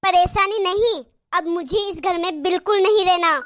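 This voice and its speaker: A woman's voice: extremely high pitch, moderate pace. A woman voicing a defiant young daughter-in-law. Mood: complaining. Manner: sulky, defiant. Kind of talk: cartoon voice acting.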